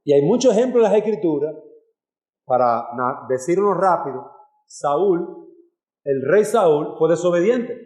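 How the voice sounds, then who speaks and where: Pastor guy giving a sermon, kinda high pitched, big roomy echo. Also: expressive, unhurried, darkish tone. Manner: earnest preaching, addresses congregation as brothers. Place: church hall.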